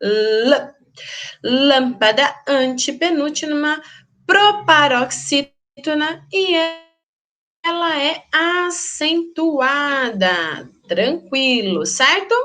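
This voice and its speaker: A woman with a Brazilian Portuguese accent teaches grammar to her students. Her high voice swoops up and down in a sing-song teacherly way. She takes her time, laying out each rule slowly and patiently. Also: expressive, fairly bright tone.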